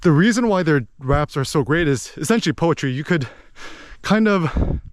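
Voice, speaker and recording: A man talking in a casual, rambling way, full of "like" and "you know", animated as he explains things. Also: fairly high pitch, normal speed, dry recording, studio quality. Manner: animated, slips into impressions of accents.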